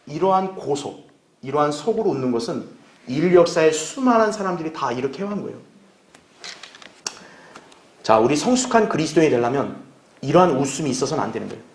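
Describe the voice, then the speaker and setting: A man's voice: on the high side, big pitch swings, normal speed, long pauses, a little mellow, reverberant. A male pastor giving a conversational sermon, asking the congregation questions and acting out short dialogues. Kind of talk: sermon, Bible exposition.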